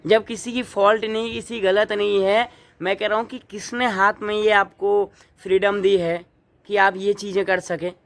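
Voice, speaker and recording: A young man from Uttarakhand vlogs his opinion in a fairly high voice. He talks in an earnest, indignant tone and keeps throwing rhetorical questions at his viewers. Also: flat delivery, normal speed, fairly bright tone. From Uttarakhand, India. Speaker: vlogger. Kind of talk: opinion commentary to camera.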